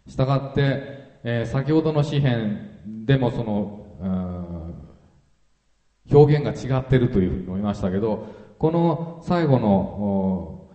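A male pastor giving a sermon in a calm, explanatory way, reading scripture aloud with frequent fillers. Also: mid-range voice, roomy sound, big-room sound.

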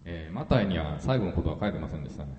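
Man, pastor, sermon, reads scripture, explanatory, fillers, mellow voice, roomy hall echo. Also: sits low, animated, very fast, highs cut off. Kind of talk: sermon with Bible reading.

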